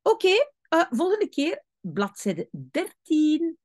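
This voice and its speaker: A woman, reading from a French novel and explaining words to her students. Her speech is slow and patient, her voice rising and falling a lot, and the recording is dry and close. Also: sits high, wildly swooping pitch, a little mellow, no room sound. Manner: slow, patient, with frequent hesitations and self-corrections. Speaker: French teacher.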